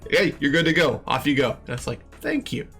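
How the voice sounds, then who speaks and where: Bright-voiced man chatting casually. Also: mid-range voice, fast talker, slightly rough, faint music behind. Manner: joking, mock-stern scolding. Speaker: streamer. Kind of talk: casual chat.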